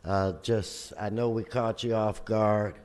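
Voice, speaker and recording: A man's voice: fairly low pitch, little pitch movement, slow pace, a little mellow, smooth. An older man presiding informally over a council ceremony, introducing speakers in an easy conversational way. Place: large council chamber. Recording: reverberant hall.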